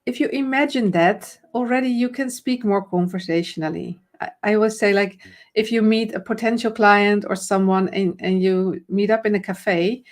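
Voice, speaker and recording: A confidence trainer from the Netherlands hosts a live online conversation, speaking fluent but non-native English with a Dutch accent. She explains things in a friendly, loose way at a moderate pace and ordinary middle pitch, restarting sentences and adding fillers as she goes.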